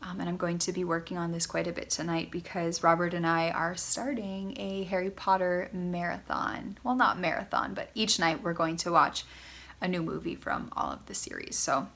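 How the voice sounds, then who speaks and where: Recording her knitting vlog from a home guest bedroom, the host speaks at normal speed in a fairly low, steady, fairly bright voice that sounds a little congested. She chats casually and gushes with enthusiasm, saying um often.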